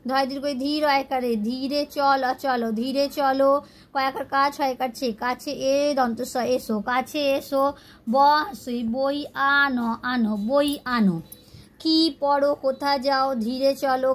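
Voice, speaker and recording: A woman with a high voice teaches a beginner language class at an unhurried pace. She patiently breaks every word into its syllables and says each one again. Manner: patient, repeats words syllable by syllable. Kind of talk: slow spelling-out lesson.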